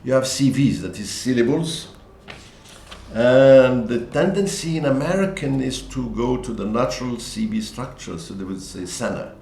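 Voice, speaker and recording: A man's voice: mid-range voice, expressive, normal speed, vocal fry, darkish tone. A man lecturing on pronunciation, rambling with many fillers and asides. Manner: rambling, digressive, with frequent fillers. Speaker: English teacher. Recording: echoey room with faint noise.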